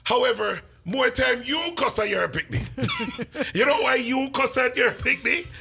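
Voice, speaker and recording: A man's voice: extremely high pitch, wildly swooping pitch, measured pace, gravelly, pushed and bright, soft background music. A middle-aged man hosting a casual radio chat, laid-back and joking. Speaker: radio host.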